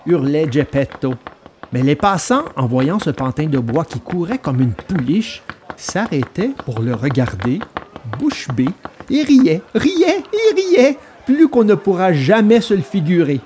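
A man narrating a children's storybook aloud in an expressive, dramatic read-aloud manner. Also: fairly high pitch, measured pace, a little hiss or hum.

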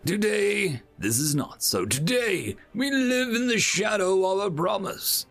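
An aged alien elder recounting a legend to the young, slow and solemn, sometimes dropping to a whisper, as a man performs it. The voice is creaky and swings widely in pitch over soft music. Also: lively intonation, exaggerated voice. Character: old alien elder telling a sacred legend.

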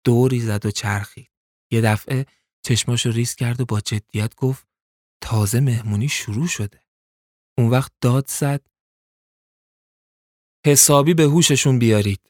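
A man's voice: lowish voice, no echo, studio quality. A man telling a crime thriller in a colloquial, suspenseful storytelling manner. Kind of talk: dramatic story narration.

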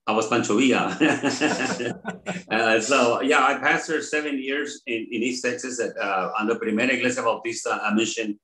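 An older man from Mexico, a pastor, talking in an interview in a halting way with many pauses and fillers. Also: medium pitch, steady tone, bright, forceful tone. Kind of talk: conversational interview. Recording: roomy echo.

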